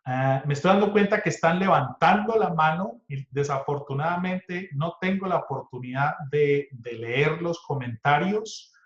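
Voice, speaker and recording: A man's voice: fairly high pitch, normal speed, hardly any pauses. Man giving an online Bible lecture. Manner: explanatory, with many restarts and repeated words. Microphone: computer mic. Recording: echoey, dull computer mic audio.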